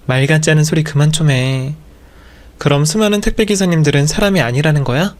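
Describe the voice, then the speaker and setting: A man's voice: a little high, fairly quick, close to an everyday voice. A man voicing an exasperated young wife and working mother who scolds her husband. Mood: scolding. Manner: scolding, nagging.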